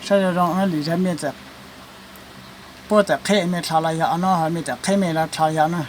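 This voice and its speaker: High-voiced man explaining a car repair. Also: steady tone, normal speed, a little hiss or hum, rough recording. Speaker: car mechanic. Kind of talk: casual hands-on repair demonstration. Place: garage or workshop.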